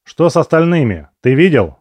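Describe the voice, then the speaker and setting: A man's voice: a little high, sing-song, moderate pace, darkish tone, no echo, voice pushed up. A man reading an audiobook, voicing the sarcastic male hero, a prisoner who answers back with biting remarks.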